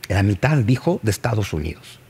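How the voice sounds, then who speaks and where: A man's voice: on the low side, brisk, breathy edge. A man with a Mexican accent explaining history in casual conversation, posing rhetorical questions. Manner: animated, rhetorical questions to the listener.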